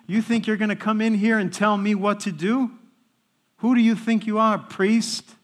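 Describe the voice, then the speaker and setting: A man's voice: high-pitched, steady tone, normal speed, pitched above the performer's own voice, lightly acted. A man voicing a belligerent male prison inmate who taunts and confronts, while retelling a story in church. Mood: taunting.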